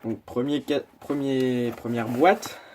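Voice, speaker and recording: A man's voice: mid-range voice, fairly even intonation, takes it slowly, a little mellow, a little hiss or hum. A man chatting casually through an unboxing video, talking in a hesitant way with many restarts and asides. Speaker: YouTuber.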